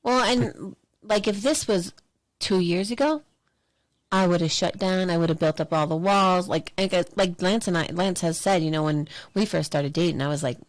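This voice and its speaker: A woman's voice: fairly low pitch, normal speed, no echo, poor audio. A woman co-hosting a podcast, speaking in casual, candid chat and telling her own stories bluntly and with some swearing. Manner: candid and profane, tells stories, laughs often. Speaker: podcast co-host.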